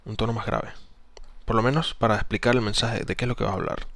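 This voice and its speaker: A man with a fairly low voice teaches how intonation shapes a first impression. He talks casually and keeps demonstrating phrases with rising and then falling endings. The sound is dry and close, with no room echo. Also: level tone, fast, gravelly, fairly bright tone. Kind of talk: casual spoken tutorial.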